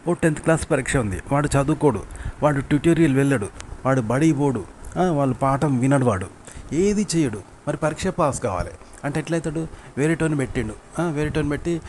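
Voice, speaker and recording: A man's voice: mid-range voice, darkish tone, slight background noise. Man teaching with a Telangana accent. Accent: Telangana Telugu. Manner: repetitive, asks rhetorical questions to the listener. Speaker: writing teacher. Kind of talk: informal spoken lesson.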